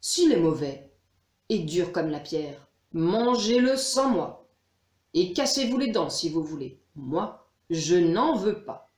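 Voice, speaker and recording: A woman puts on the chief of a pack of greedy storybook demons, commanding and full of scorn. The voice is loud and pushy and rings in a roomy space. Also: fairly low pitch, sing-song, slow pace, distant mic. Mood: scornful. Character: gruff male demon chief, greedy and bossy. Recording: roomy echo.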